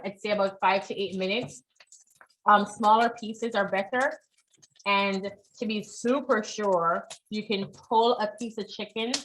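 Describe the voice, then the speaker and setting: A woman's voice: medium pitch, a bit bright, slight background noise, rough recording. A woman leading a live online cooking class, chatty and encouraging, often checking in with her students.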